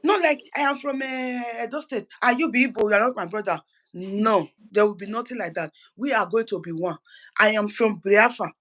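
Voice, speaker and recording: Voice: medium pitch, moderate pace, bright, forceful tone, low-quality recording. A speaker gives an impassioned political address as an activist, fervent and full of repeated words and restarted phrases.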